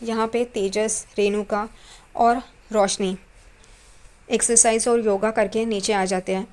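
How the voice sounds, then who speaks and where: A woman's voice: medium pitch, steady tone, a little slow, darkish tone. A woman narrating a recap of a TV serial episode. She walks through each scene in order and closes every quoted line with a trailing tag. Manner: retells scenes step by step, tagging quotes with a trailing "karke".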